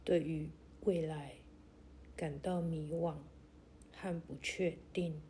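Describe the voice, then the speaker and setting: A woman narrating a guided meditation like a sleep story, in a gentle, soothing, deliberate way with long pauses. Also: low voice, fairly even intonation, a little hiss or hum.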